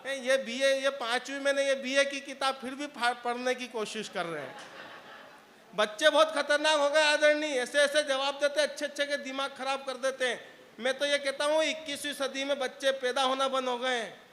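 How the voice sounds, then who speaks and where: High bright-voiced guy doing comic poems and jokes on stage, acting out little dialogues, big hall echo. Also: fairly even intonation, moderate pace, a little hiss or hum. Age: adult, father of a young child. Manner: storytelling with acted-out dialogue, addressing the crowd. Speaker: stage poet and host. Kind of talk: comic poetry stage performance.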